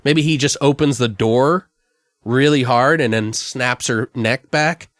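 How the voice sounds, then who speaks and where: A podcast host with a mid-range, fairly bright voice talks a little slowly in studio-quality audio with no room sound. His casual brainstorming wanders, loose and full of slang and swearing.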